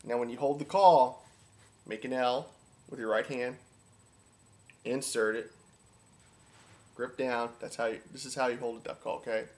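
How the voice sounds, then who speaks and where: A man's voice: mid-range voice, steady tone, normal speed, pauses often, darkish tone. A man giving a casual, enthusiastic how-to talk in an informal, repetitive way, as an instructor. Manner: informal, repetitive, enthusiastic about his subject. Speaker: duck calling instructor.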